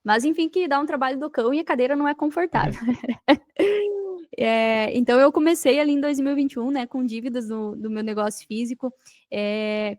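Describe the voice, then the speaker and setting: Her voice is a little high, and she has a Brazilian Portuguese accent. As a podcast guest and digital marketing entrepreneur, she relates her story in conversational interview fashion, driving points home with repetition and rhetorical questions. The recording is dry and studio quality.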